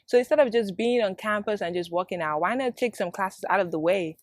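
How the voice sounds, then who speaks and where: A woman's voice: mid-range voice, fairly quick, no echo, clean studio sound. A young woman from Nigeria, a student athlete talking steadily and linking thoughts with "so". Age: young adult. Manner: steady, repeating "so". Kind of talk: casual testimonial.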